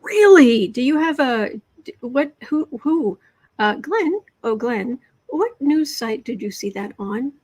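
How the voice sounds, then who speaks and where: A woman with a fairly high, sing-song, slightly mellow voice hosts a political tarot livestream, flipping through cards and answering her chat. She's chatty and sarcastic, takes her time, restarts sentences, and pauses now and then to clear her throat.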